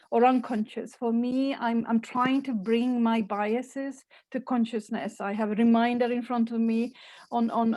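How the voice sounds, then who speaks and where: Slow, mellow-voiced woman from Finland. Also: fairly high pitch, dry recording, low-quality recording. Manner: slow, halting, many repeated words. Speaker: panelist. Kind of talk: online panel conversation.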